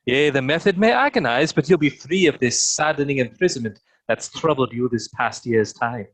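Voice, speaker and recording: Poor, dry audio captures a mid-pitched, expressive male voice at a moderate pace, not far from how he normally talks. Reading a historical drama aloud, he plays a taunting soldier whose archaic, declamatory jeers drip with bitter contempt for the condemned prisoner.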